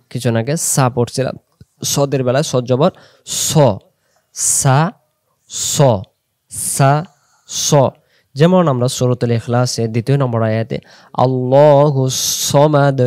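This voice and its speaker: A man with a Bangladeshi Bengali accent teaching Arabic letter pronunciation, drilling each sound slowly for listeners to repeat. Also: mid-range voice, a little mellow, no room sound, clean studio sound. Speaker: Quran recitation teacher. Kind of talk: slow pronunciation lesson with drills.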